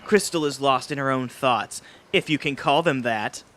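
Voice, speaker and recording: A man narrating stage directions in a live script read-through, reading briskly with small slips. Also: mid-range voice, a bit bright, slight background noise.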